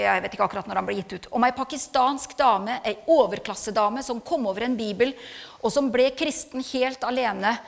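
A middle-aged woman shares a personal testimony from the pulpit, earnest and searching, pausing on fillers before pressing into emphatic points. Her voice sits high with a gravelly edge. Long reverb trails off the hall around her. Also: a bit bright. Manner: earnest and reflective, with hesitant fillers and rising emphatic passages. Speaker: speaker giving a church testimony.

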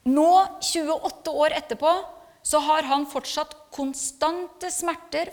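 Middle-aged woman, sermon testimony, earnest and reflective, high gravelly voice, long church-hall reverb. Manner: earnest and reflective, with hesitant fillers and rising emphatic passages. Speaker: speaker giving a church testimony.

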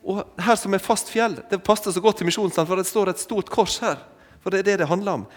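A man preaching an interactive sermon with props, calling volunteers forward and coaxing them with short repeated commands. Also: sits high. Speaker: preacher leading an object lesson with volunteers. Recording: long hall reverb.

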